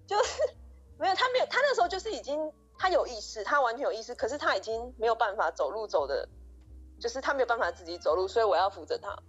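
A young woman co-hosting a podcast eagerly retells a story in casual chat, with many restarts and quoted dialogue. Her voice is fairly high, a bit bright and slightly rough, with big pitch swings and a fast pace. The audio is lo-fi, with soft background music.

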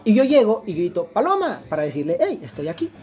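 Over loud music, a young man with a Mexican accent rattles through a long story about his own life in a relaxed chat. He's high-pitched, very animated and a fast talker, and he rambles with plenty of slang and many false starts.

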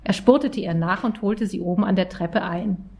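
A woman telling and reading a story aloud with an expressive, lively delivery. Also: mid-range voice, normal speed. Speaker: audiobook reader. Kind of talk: storytelling narration.

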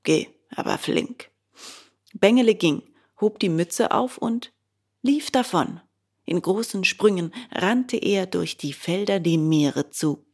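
A woman narrating a children's storybook in a steady, plain reading voice. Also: on the low side, creaky.

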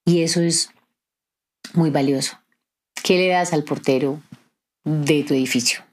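A woman with a low voice and measured pace hosts a reflective podcast monologue, conversational yet preachy, posing rhetorical questions to her listeners.

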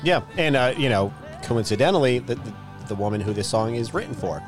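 A man's voice: medium pitch, a little fast. A man co-hosting a podcast, chatting casually and teasing with crude jokes. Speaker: podcast co-host. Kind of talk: casual chat. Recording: faint music behind the voice. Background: recorded music.

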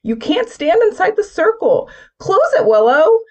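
Curious young woman, voice pitched up and urgent, slight gravel; a woman reads her. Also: big pitch swings, moderate pace, a little mellow, muffled recording, full character voice. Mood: alarmed.

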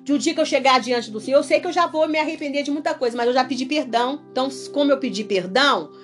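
A woman's voice: high-pitched, fast talker, a bit bright, faint music behind. A woman preaching in a conversational way, emphatic and repetitive, with many rhetorical questions. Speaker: preacher leading a religious talk.

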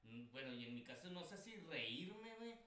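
Bright-voiced Mexican man, very echoey. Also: fairly high pitch, moderate pace. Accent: Mexican Spanish. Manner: animated, acts out quoted lines. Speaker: podcast co-host. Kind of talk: casual podcast chat. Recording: very echoey room.

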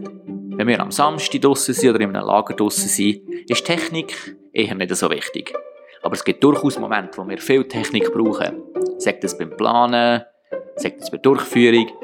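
A man with a Swiss German accent hosting a podcast in a conversational moderating style. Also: on the low side. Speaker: podcast host. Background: music.

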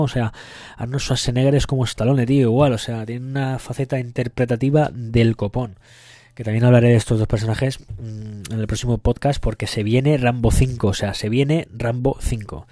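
A man's voice: medium pitch, mellow, no room sound, studio quality. A young man with a Spain Spanish accent hosting a solo podcast, rambling and joking crudely, with plenty of profanity. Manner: rambling, loses the thread. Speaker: podcast host. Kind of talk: casual solo podcast rant.

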